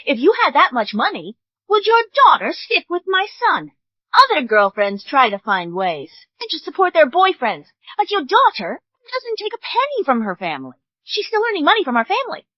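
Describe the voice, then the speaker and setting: Shrill, snobbish rich mother-in-law. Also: sing-song, normal speed, no room sound. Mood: scornful. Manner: haughty, insulting. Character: snobbish, scornful wealthy middle-aged mother-in-law. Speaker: groom's mother. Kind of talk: English drama dub. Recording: dull dry studio dub.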